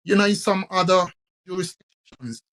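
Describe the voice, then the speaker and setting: A man's voice: high voice, a bit bright. A man, a politician, explaining formally over an online call whose audio keeps breaking up. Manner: measured, formal explaining with "eh" fillers. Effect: choppy, breaking-up online call audio. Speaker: politician guest. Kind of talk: live online interview answer. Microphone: video call.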